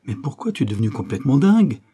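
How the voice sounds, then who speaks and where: Guy doing a blunt angry old pal, dark husky voice, scolding hard. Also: medium pitch, very animated, very fast. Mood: indignant. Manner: scolding, heated and accusing. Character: Léopold, old friend, blunt and indignant man. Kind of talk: audiobook reading.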